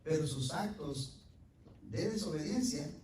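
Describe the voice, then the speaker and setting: A man's voice: a little high, lively intonation, a little slow, far from the mic. Echoey preaching man in a church. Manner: swings from loud emphatic preaching to quiet asides; addresses the congregation directly with questions. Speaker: pastor. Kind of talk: sermon. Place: church sanctuary. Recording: very echoey church hall, mic from afar, faint noise.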